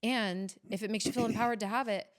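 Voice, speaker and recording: A woman therapist speaks as a podcast guest, working through her ideas out loud. She talks in a casual, meandering way, full of "like" and small restarts. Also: mid-range voice, fairly even intonation, fast talker. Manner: thoughtful, explains at length with frequent "like" and restarts. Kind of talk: casual conversational interview.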